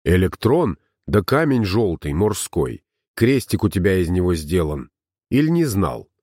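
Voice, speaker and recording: A man doing a calm young scholar. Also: deep voice, measured pace, dry recording, clean studio sound, full character voice. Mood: explaining. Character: patient young male scholar, calm reasoner.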